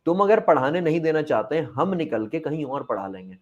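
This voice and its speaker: A man's voice: on the high side, sing-song, fairly quick, dull audio. A man, a former school teacher, speaking outspokenly in a casual interview and mixing English phrases into his talk. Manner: outspoken, mixes English into Hindi.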